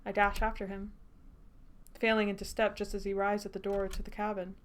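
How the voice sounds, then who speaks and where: Woman streamer reading a story game out loud, even storyteller voice. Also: medium pitch, brisk. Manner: steady storytelling narration.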